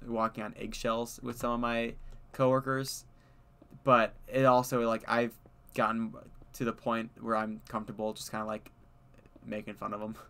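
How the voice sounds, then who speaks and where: A man's voice: mid-range voice, flat delivery, moderate pace, creaky, fairly bright tone, smooth. Young male streamer, clean ringing voice, casual rambling chat with laughs. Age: young adult. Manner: rambling, laughs often, many fillers. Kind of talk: casual chat while gaming.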